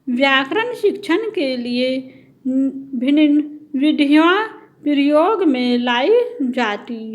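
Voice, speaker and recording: A woman teaching a pedagogy exam-prep lesson. She reads each point slowly, then explains it with everyday examples, often checking in with "ठीक है" and "है ना". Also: high voice.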